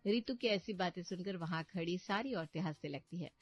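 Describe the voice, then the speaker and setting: A woman giving scripted narration of a family story in an even storytelling manner. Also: lowish voice, a little fast, slightly rough, no room sound. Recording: muffled, faint background music.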